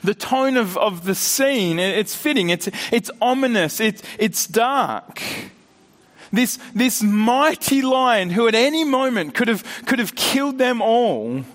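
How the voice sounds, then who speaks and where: Brief: male pastor, earnest sermon, halting restarts, high voice, long church reverb. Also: lively intonation, fairly bright tone.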